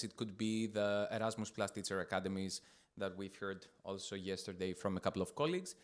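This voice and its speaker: A man's voice: medium pitch, a bit bright, clear, resonant tone. A man facilitating a conference workshop, giving instructions and listing options with fillers. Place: conference room.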